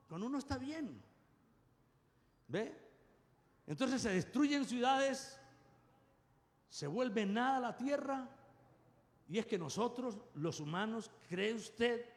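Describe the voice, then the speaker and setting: A man preaches in an animated style, his voice sitting high and leaping up and down. He keeps pressing the congregation with quick rhetorical questions. The sound carries a long reverb from the church hall. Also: creaky. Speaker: pastor. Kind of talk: sermon.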